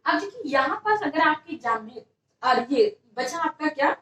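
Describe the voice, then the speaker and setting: High-voiced woman teaching, echoey room. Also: expressive, moderate pace, fairly bright tone, distant mic. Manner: repeats questions and answers them herself. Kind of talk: exam-prep grammar lesson.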